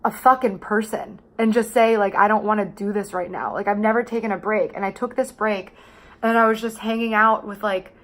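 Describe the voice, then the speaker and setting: A woman's voice: mid-range voice, steady tone, brisk, a bit bright. A woman of twenty-seven talking candidly and casually to camera as a vlogger, in a confessional, rambling way with plenty of swearing.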